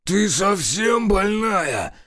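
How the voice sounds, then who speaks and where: A man's voice: mid-range voice, big pitch swings, no room sound, studio quality, close to an everyday voice. A man voicing a sly, sarcastic male informant who mocks and needles others, in an audiobook. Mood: indignant. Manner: sly, mocking, drawn-out. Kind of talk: audiobook character voice.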